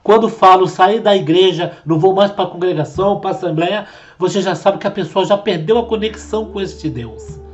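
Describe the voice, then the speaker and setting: Higher-pitched man giving earnest religious commentary. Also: normal speed, hardly any pauses. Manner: earnest, preacherly, addressing fellow believers. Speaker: host commenting on testimonies. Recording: dull lo-fi sound with faint music. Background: faint music.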